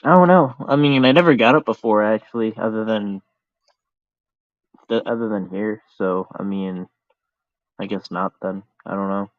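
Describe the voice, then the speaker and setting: A man's voice: lowish voice, normal speed, pauses often, no echo. An American man hosting a voice chat, talking in a laid-back, hesitant way. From United States. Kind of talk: casual chat. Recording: dull lo-fi sound.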